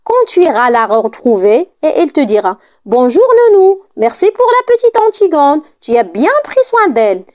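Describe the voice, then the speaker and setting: A woman reading aloud in the part of a young princess, answering quietly and gently. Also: high voice, sing-song, normal speed, hardly any pauses. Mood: tender. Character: young princess, calm and stubborn.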